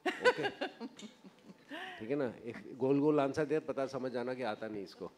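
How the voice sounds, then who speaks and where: Fast-talking North Indian man, mellow voice. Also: mid-range voice. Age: middle-aged. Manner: informal, prodding the audience with questions. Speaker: ophthalmology lecturer. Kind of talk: interactive lecture mixing Hindi and English. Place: large auditorium, on stage. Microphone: podium or table gooseneck microphone.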